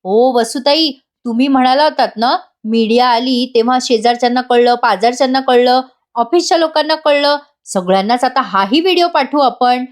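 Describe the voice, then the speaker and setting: A woman's voice: high voice, normal speed, natural voice. A woman voicing a cheeky woman of the household in a TV serial who answers back.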